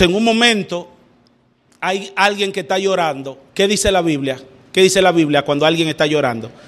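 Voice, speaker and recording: Preacher guy, really high bright voice, asks the crowd questions then gets loud and fiery. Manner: rhetorical questions, building to shouted fervent passages. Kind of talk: sermon.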